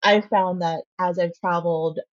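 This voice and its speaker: A woman from the Philippines answering interview questions in a relaxed, reflective way. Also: lowish voice, moderate pace. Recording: dull, lo-fi interview recording.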